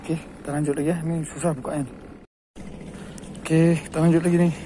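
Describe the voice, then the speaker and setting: Excitable man commentating his fishing trip. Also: on the high side, fast talker, background noise. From Aceh, Indonesia. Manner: exclaims and repeats short words when a fish bites. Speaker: fishing vlogger. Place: outdoors by the water.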